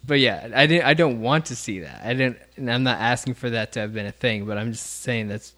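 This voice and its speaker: A man's voice: mid-range voice, a little fast, fairly bright tone. A man co-hosting a podcast in casual chat, rambling with many fillers and restarts. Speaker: podcast co-host.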